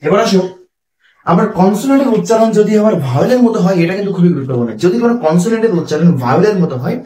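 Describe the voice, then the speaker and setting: A young man teaching English grammar in an online exam-prep lesson. He explains step by step, asks questions and answers them himself, and reads example phrases slowly. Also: high voice, a little mellow. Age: young adult. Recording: echoey room, a little far from the mic.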